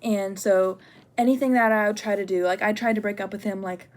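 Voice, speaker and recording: A woman's voice: mid-range voice, fairly even intonation, fairly quick, a little mellow. A young woman student talking casually through an assignment, full of "like" and "um", candid and getting worked up over a personal story. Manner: chatty, lots of "like" and "um". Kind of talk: casual spoken assignment response.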